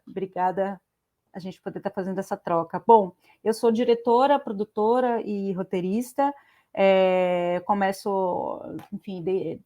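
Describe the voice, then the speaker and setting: A woman's voice: medium pitch, dark tone. A woman from Bahia, a film director, introducing herself casually on an online panel, chatty with small hesitations. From Bahia, Brazil. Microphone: video call.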